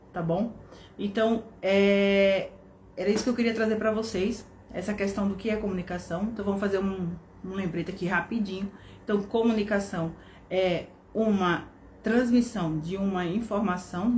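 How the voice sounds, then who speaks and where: A woman with a Brazilian Portuguese accent teaching an online course, explaining step by step and often checking in with tag questions. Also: medium pitch. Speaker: course instructor. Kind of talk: online lesson. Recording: echoey room with faint background noise.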